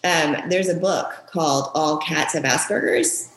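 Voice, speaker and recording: A woman guest, a Japanese native speaker raised in New York, talking earnestly with frequent pauses and ums in a casual interview. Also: low voice, noisy background. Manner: earnest, halting, many ums. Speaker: guest author, parent. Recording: echoey room.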